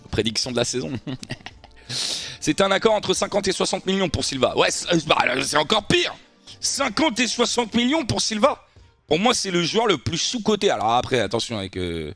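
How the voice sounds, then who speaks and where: A young man streaming live and reacting to football news, chatting animatedly and constantly turning to his viewers. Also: medium pitch. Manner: animated, keeps addressing his viewers as guys. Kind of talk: casual live-stream chat.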